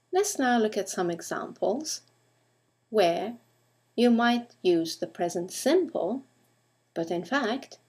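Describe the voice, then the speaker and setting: A woman giving a recorded English grammar lesson at an unhurried pace. Her voice sits in a middle register, and she speaks clearly and deliberately. She often turns to the listener with questions. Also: medium pitch, darkish tone. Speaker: English teacher.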